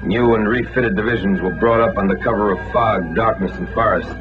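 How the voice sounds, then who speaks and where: A man's voice: on the low side, brisk. A man narrating a 1940s wartime newsreel in a dramatic, emphatic announcer style, with old newsreel sound. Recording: dull lo-fi 1940s newsreel soundtrack under loud orchestral music. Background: loud score.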